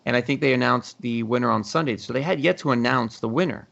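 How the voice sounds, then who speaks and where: A man hosting a casual podcast, telling stories in an animated, profane way. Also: mid-range voice, quick pace, vocal fry, muffled recording. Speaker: podcast host.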